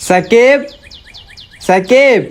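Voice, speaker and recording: A man's voice: very high voice, very slow, full character voice. A young man, acting as an earnest, sorrowful man back home after years abroad, talking in a heartfelt, pleading way. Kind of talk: amateur short-film acting. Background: faint background music.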